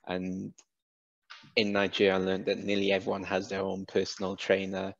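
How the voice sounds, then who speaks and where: The guest, a thirtysomething Briton who grew up in Wales and runs a cap business, answers in a low, gravelly voice, relaxed but halting, with frequent fillers and restarts. He's on a headset in an indoor room during a video call, and the dry, dull audio has no room sound.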